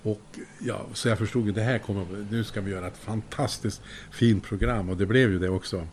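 A man's voice: on the low side, steady tone, darkish tone, a little hiss or hum. Older man telling a chuckling anecdote. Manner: chuckling, acts out quoted voices. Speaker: storyteller. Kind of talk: casual anecdote.

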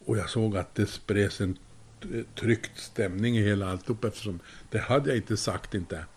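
Older man with a low voice for a casual anecdote, chuckling and acting out quoted voices. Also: a little mellow, a little hiss or hum. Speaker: storyteller.

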